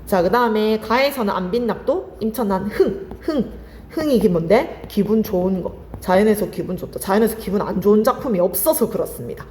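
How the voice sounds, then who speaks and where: A woman's voice: medium pitch, fairly quick, darkish tone, big-room sound, a little hiss or hum. A woman teaching Korean literature for exam prep, firing questions at her students and answering them herself. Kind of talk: lively exam-prep lecture.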